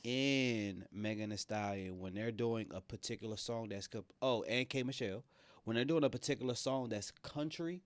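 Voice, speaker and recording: Rambling lower-voiced male podcast host. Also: moderate pace. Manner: rambling, animated, laughs often. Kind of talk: casual interview chat.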